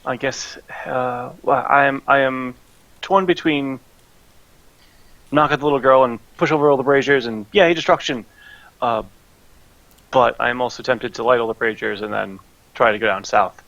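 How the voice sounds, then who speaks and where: A man playing in an online tabletop game, joking and laughing at his own dark jokes. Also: mid-range voice, normal speed, creaky, long pauses, highs cut off. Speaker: player. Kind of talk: casual game chat.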